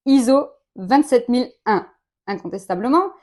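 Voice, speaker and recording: A woman in her late thirties answering quick-fire interview questions in a chatty, informal way, laughing often. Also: fairly high pitch, animated, over music. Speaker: company director interviewed.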